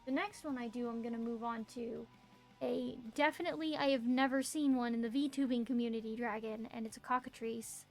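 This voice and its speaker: Cute, high-voiced woman streamer. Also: fairly even intonation, a little fast. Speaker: VTuber streamer and artist. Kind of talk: casual live stream chat while drawing. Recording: music behind the voice. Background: music.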